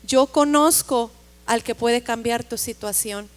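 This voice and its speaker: A woman preacher voicing a poor, faithful male preacher in her sermon story, earnest and gentle. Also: a little high, slow, long reverb tail, voice pushed down.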